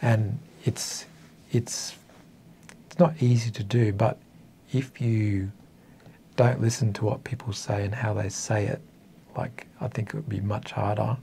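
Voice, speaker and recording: This Australian author, in his fifties and from northern coastal NSW, speaks flatly at a measured pace, his low-ish voice mellow and creaky, pausing often. As a guest in a casual, reflective chat in a small indoor meeting room, he's hesitant, thoughtful and self-deprecating. A little hiss or hum runs under the audio.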